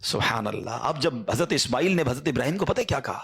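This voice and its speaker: A man's voice: mid-range voice, expressive, creaky, fairly bright tone. A man preaching a sermon, telling a story with feeling, breaking into sighing exclamations and rhetorical questions.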